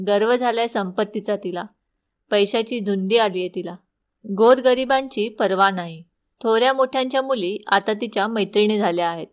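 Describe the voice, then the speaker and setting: A woman's voice: medium pitch, normal speed, lightly acted. A woman voicing a poor old woman who speaks with bitter, reproachful anger, in slightly dull lo-fi audio. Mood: indignant. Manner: indignant, reproachful.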